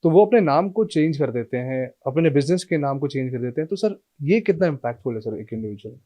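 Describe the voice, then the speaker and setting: A man's voice: mid-range voice, lively intonation, fast talker, mellow, dry recording. A man hosting an interview, asking his guest questions in a deferential, hesitant way and often addressing him as sir. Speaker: interview host.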